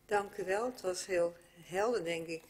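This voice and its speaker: A man's voice: sits high, normal speed, noisy background. A man chairing a council debate, politely handing out speaking turns. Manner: polite, procedural. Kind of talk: chairing a meeting. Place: council chamber. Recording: reverberant council chamber.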